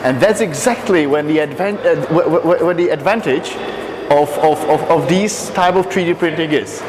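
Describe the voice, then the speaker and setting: A man from the Republic, a company co-founder who speaks English haltingly and repeats words while he searches for them. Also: fairly high pitch, big-room sound, background noise. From Czech Republic.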